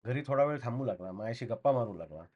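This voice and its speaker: A man reading a short story aloud in a calm, steady first-person narration. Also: medium pitch, rapid-fire, muffled recording.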